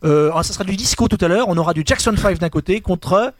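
Male radio host, quick and high-pitched, hamming up a party game at a studio mic. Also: no room sound. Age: adult with young children. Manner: playful, theatrical game-show patter. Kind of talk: lively radio banter. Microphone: studio microphone.

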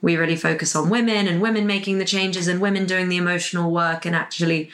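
A woman's voice: lowish voice, fairly even intonation, fast, a bit bright. A woman co-hosting a podcast in a casual conversational style. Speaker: podcast co-host.

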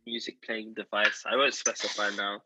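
A man's voice: lowish voice, little pitch movement, moderate pace, sharp tone, a little hiss or hum, rough recording. A man with a South London accent, chatting casually as a guest in an interview. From South London, England. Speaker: podcast guest.

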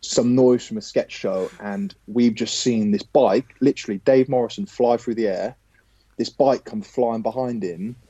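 A man with a dark, slightly husky voice spins a lively anecdote as a podcast guest. He talks casually and swears now and then. The sound is dry and a bit dull and lo-fi. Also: mid-range voice, moderate pace, no room sound. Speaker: guest, professional footballer.

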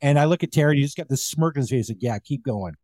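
A man's voice: fairly high pitch, rapid-fire, darkish tone, no room sound, clean studio sound. A man who does comedy, telling a story in casual chat and acting out other people's lines. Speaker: comedian guest.

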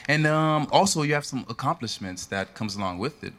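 A man's voice: mid-range voice, lively intonation, fairly quick, fairly bright tone. A man interviewing a guest, asking short casual questions. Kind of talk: conversational interview.

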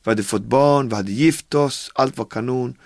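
With studio quality and no room sound, we hear a Caribbean man in his forties at home with dogs, casually telling his story to an interviewer. He speaks at a medium pitch, animatedly acting out quotes and dropping in many fillers.

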